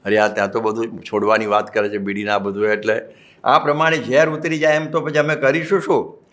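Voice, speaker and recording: A man's voice: on the low side, steady tone, a little fast, fairly bright tone. A man with a Gujarati accent, a monk preaching a religious discourse, telling folksy stories with acted quotes and chanted Sanskrit verses.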